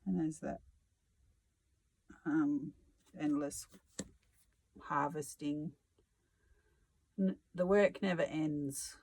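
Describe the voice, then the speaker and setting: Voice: medium pitch, poor audio. A tarot reader giving a reflective solo reading, musing aloud with sarcasm and casual swearing.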